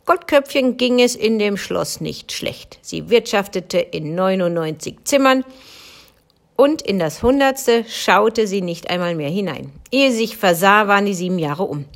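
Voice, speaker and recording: A woman from Germany reading a fairy tale aloud as a bedtime story, in a calm, measured storytelling manner. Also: medium pitch, gravelly. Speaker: reader.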